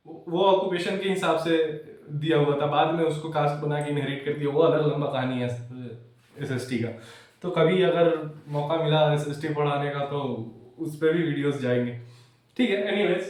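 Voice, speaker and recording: A man tutoring physics in a chatty, casual way, checking that students follow and wandering into jokes. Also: fairly high pitch. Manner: digresses with jokes. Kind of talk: casual classroom lecture. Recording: echoey room, far from the mic.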